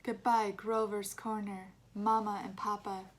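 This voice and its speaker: A woman's voice: medium pitch, flat delivery, a little slow, close to an everyday voice. A woman reading aloud, voicing a teenage girl giving a tearful stage farewell.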